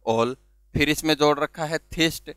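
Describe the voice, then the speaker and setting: A man's voice: on the high side, normal speed, a bit bright, smooth, no room sound. A man teaching vocabulary, asking questions and answering them himself and spelling words out letter by letter. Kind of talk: classroom-style video lesson.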